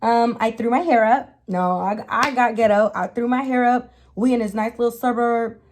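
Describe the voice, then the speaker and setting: A woman's voice: a little high, normal speed, slight background noise. A young woman telling a personal story in a casual, slangy, dramatic way as a vlogger. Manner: animated, slangy, dramatic retelling.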